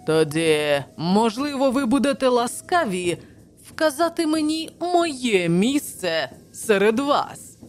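A woman voicing a hot-tempered, mocking older male professor in an audiobook, loud and blustering. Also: a little high, very animated, takes it slowly, slight background noise, voice pushed up. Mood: indignant mocking. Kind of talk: audiobook character voice.

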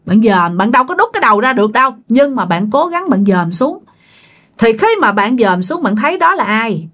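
A woman's voice: fairly high pitch, a bit bright. A woman with a Southern Vietnamese accent narrating a ghost story dramatically, speaking straight to her listeners. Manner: dramatic, addresses listeners directly.

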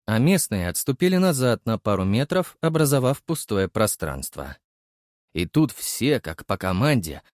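Lively male audiobook narrator. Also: medium pitch, no room sound, studio quality. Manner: lively storytelling.

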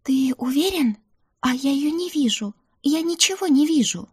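A woman's voice: sits high, sing-song, moderate pace, darkish tone, dry recording, clean studio sound, voice pushed up. A woman voicing an anxious, tearful middle-aged mother who speaks tenderly and in a whisper, in an audiobook.

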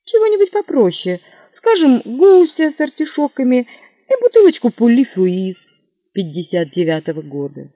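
A man voicing a flustered, hapless young gentleman who talks eagerly and stammers when pressed. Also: very high voice, huge pitch swings, normal speed, no room sound, pitched above the performer's own voice, heavily acted. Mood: hopeful. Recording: dry, tinny narrow-band audio.

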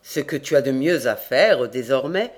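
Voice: medium pitch, lively intonation, normal speed, voice pushed down, close to an everyday voice. The reader voicing a stern, knowing country priest. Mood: admonishing. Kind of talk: audiobook character reading.

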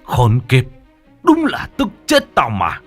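A man voicing a furious middle-aged male theater owner who shouts and curses at his son and wife. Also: medium pitch, wildly swooping pitch, takes it slowly, soft background music, voice pushed up, heavily acted. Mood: enraged. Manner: shouting, cursing, scornful.

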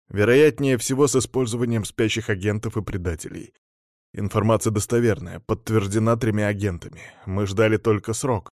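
A man's voice: fairly low pitch, darkish tone, no room sound, studio quality, lightly acted. A man reading an audiobook voices a commanding prince who speaks in curt, clipped orders. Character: commanding male prince, terse intelligence chief.

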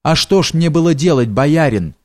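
A man's voice: fairly high pitch, animated, moderate pace, darkish tone, no room sound, studio quality, lightly acted. A man voicing a frightened, superstitious male servant who stammers and exclaims in fright in a storybook reading. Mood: pleading.

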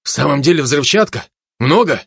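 Man playing flustered fussy worker, babbling, higher voice, storybook. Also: animated, moderate pace, creaky, fairly bright tone, slightly rough, dry recording, clean studio sound, full character voice.

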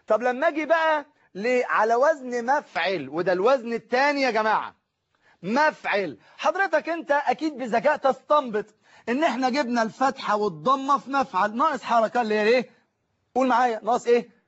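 Egyptian male teacher, high-pitched, methodical exam-prep drill, stretches out word patterns, dull lo-fi sound. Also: lively intonation, fairly bright tone. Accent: Egyptian Arabic. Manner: asks and answers his own questions, drills the class to repeat forms; slows right down to spell out word patterns. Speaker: Arabic teacher. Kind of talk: exam-prep grammar lesson.

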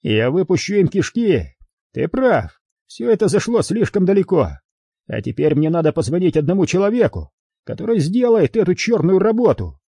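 A man's voice: high-pitched, sing-song, moderate pace, mellow, breathy edge, no room sound, studio quality, pitched above the performer's own voice, exaggerated voice. A man voicing a ruthless middle-aged London gang boss who snarls his threats. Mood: snarling, threatening. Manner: snarling, menacing.

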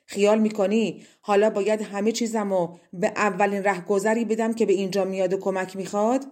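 A woman's voice: medium pitch, steady tone, close to an everyday voice. A woman voicing a greedy, scornful old crone who walks with a cane and mocks as she talks. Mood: grumbling. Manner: mocking, grasping, sharp-tongued.

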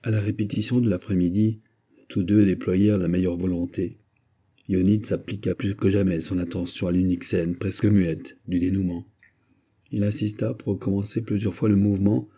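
Casting: male audiobook narrator, measured literary delivery, dark, husky tone. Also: deep voice. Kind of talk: audiobook reading.

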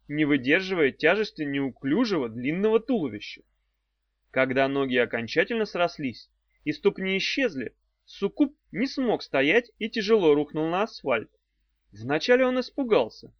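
A man narrating an audiobook in a lively, animated storytelling manner. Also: a little high, dry recording. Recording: dull, dry lo-fi audiobook recording.

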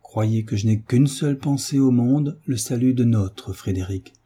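A man reading aloud as a devoted gentleman, speaking with calm, earnest reassurance. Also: mid-range voice, measured pace, slightly rough. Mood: reassuring.

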